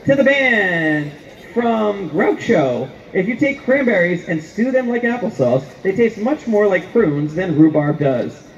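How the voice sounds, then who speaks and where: A man announcing at a stadium, reading shout-out messages over the PA with playful, jokey asides. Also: sits high, sing-song, a little slow, slight background noise. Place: outdoor stadium at a band show. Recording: echoey lo-fi stadium PA with faint music.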